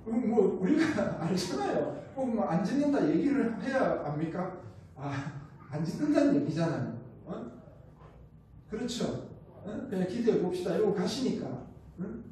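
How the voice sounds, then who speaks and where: A high-pitched man with a Gyeongsang accent preaches a missionary's sermon, acting out what others said to him. His tone is soft and mellow rather than bright. The recording comes through a booming church hall from a mic set well back, with faint room noise. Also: big pitch swings, unhurried, far from the mic. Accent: Gyeongsang Korean. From Gyeongsang region, South Korea. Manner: storytelling with rhetorical questions and acted-out quotes. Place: church sanctuary.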